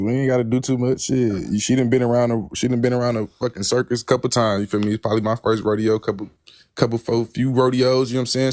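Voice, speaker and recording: A man's voice: mid-range voice, a little mellow, no echo, clean studio sound. Laid-back slangy man on a panel. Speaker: panel caller. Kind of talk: casual livestream chat.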